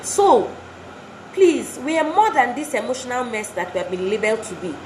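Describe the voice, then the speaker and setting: A woman's voice: on the high side, lively intonation, moderate pace, a little mellow. A woman giving an earnest motivational talk to wives, exhorting and repeating phrases for emphasis. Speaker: speaker addressing wives. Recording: roomy echo, faint background noise.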